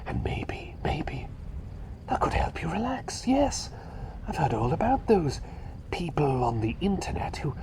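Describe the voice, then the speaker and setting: Gently musing, the bird-doctor character in this personal-attention ASMR roleplay speaks through a man's fairly high, very animated voice at a slightly slow pace. The mild, flustered figure is soft and breathy, often whispering, hesitant, rambling and repetitive; a close ASMR mic captures it along with clear background noise.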